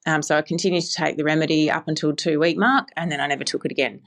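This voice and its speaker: Woman in her 40s, lowish voice, just chatting plainly about her story. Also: fairly even intonation, quick pace, fairly bright tone. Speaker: podcast guest giving a testimonial. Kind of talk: casual recorded testimonial.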